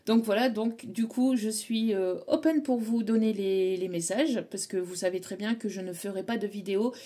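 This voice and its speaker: A French woman talks viewers through a spiritual card reading in a mellow, soft-edged voice. She hesitates a lot, fills gaps with little sounds and restarts her sentences, and her pitch sits in a middle range. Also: fairly even intonation, normal speed. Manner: hesitant, many fillers and restarts. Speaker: tarot reader. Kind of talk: casual spiritual guidance talk.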